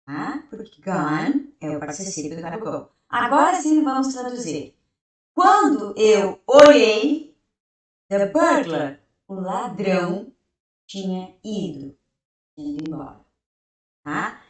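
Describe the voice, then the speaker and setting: A woman teaching a grammar lesson at an unhurried, deliberate pace. She walks through each step, asks questions and answers them herself, and reads the example sentences slowly. Her voice comes from some distance away in a very echoey room. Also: mid-range voice, expressive. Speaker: English teacher.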